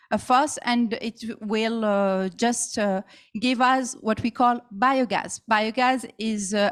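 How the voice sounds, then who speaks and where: Woman with a fairly high voice, conference speaker, hesitant delivery with many fillers. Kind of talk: technical conference presentation.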